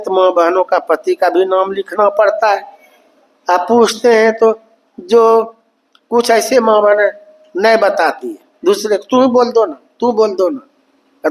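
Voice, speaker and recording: Guy preaching, folksy storytelling sermon, high voice, talks slow. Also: poor audio. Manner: folksy, acts out quoted voices while narrating. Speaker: spiritual teacher. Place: satsang hall.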